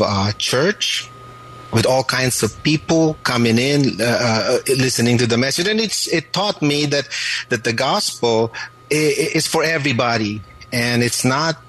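A man in his late fifties, a pastor born and raised in the Philippines, answering radio interview questions in a halting way, with many restarts and fillers. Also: fairly low pitch, a bit bright, rough recording.

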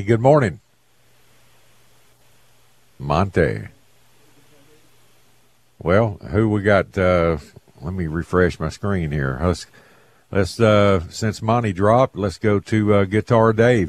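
A man's voice: deep voice, lively intonation, slow, pauses often, dry recording. A man hosting a call-in radio show and chatting casually with callers.

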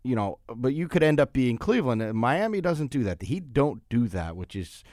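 A man's voice: medium pitch, very animated, fairly quick, darkish tone, dry recording, studio quality. A man hosting a sports radio show with casual, conversational commentary, often repeating and rephrasing himself as he goes.

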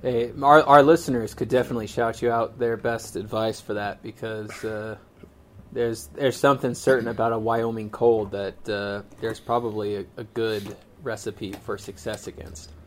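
A man with a slightly low voice chats casually as a podcast co-host. He is calling in by phone, with faint noise on the line. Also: fairly even intonation, moderate pace. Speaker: podcast co-host and sports writer. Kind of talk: casual chat. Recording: noisy phone call.

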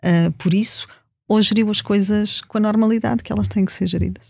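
A woman's voice: mid-range voice, steady tone, fairly quick, creaky, a little mellow, no room sound, clean studio sound. A woman hosting a podcast, asking questions carefully and courteously. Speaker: podcast host. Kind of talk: interview questions.

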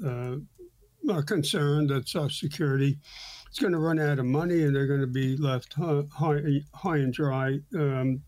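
A man hosting a financial talk show, answering retirement questions in a halting way with many fillers and restarts. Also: medium pitch, a little mellow. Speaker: financial advisor host.

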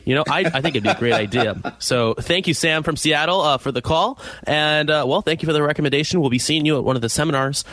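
A man's voice: on the high side, quick pace, hardly any pauses, fairly bright tone, no room sound. A man co-hosting a radio show in a light, chatty style with joking, playful patter. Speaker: radio co-host.

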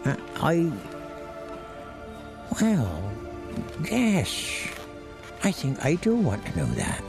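An actor playing a very old, lonely widowed cobbler who chuckles often, in a radio drama with music underneath. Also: male voice, a little high, wildly swooping pitch, extremely slow, gravelly, heavily acted. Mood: wondering. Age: older.

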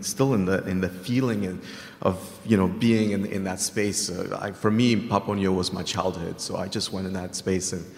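A man from Venezuela with a very deep voice talks earnestly about his craft on a discussion panel. His voice carries through a large hall with a long, ringing reverb. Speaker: game composer and multi-instrumentalist.

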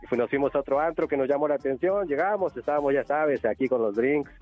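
A man's voice: mid-range voice, quick pace, soft background music. A man with a Mexican accent calling a radio show over a telephone line, rambling as he tells gossip and often chuckling. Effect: heard over a telephone line. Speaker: radio call-in caller. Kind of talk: casual phone chat, telling gossip. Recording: dull, muffled phone line.

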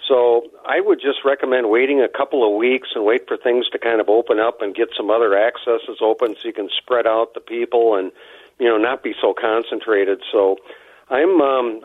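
A man's voice: mid-range voice, normal speed, no room sound. A man joining a radio show as the outdoors guest, a little winded and rambling with lots of fillers. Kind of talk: casual radio chat. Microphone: phone line. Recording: tinny phone line, dry.

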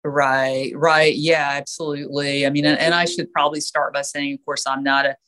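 A woman's voice: low-pitched, level tone, moderate pace, a bit bright. A woman with a stuffy, nasal voice from allergies, explaining finances as a podcast guest with frequent fillers. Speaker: certified financial planner guest.

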